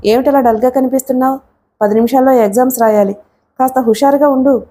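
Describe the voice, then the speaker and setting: A woman's voice: high-pitched, fairly even intonation, quick pace, mellow. A woman voicing a friendly, supportive teenage schoolgirl in an audiobook. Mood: encouraging. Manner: encouraging, friendly. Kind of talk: audiobook character reading.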